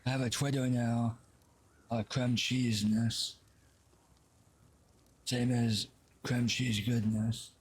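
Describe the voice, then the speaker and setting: A man's voice: mid-range voice, level tone, takes it slowly, pauses often, a little hiss or hum. A man streaming, talking casually and hesitantly to viewers.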